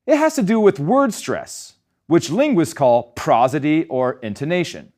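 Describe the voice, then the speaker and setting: Guy teaching german grammar, kinda high voice, really animated up and down, slows down on the example words. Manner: explains grammar step by step, slowing to pronounce German example words. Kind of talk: scripted language lesson narration.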